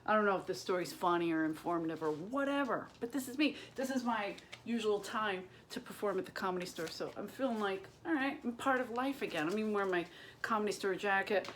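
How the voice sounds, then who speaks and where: Profane, animated woman telling a story. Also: medium pitch, fairly quick, a little hiss or hum. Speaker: stand-up comedian. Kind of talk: casual storytelling to camera. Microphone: camera propped on boxes and books.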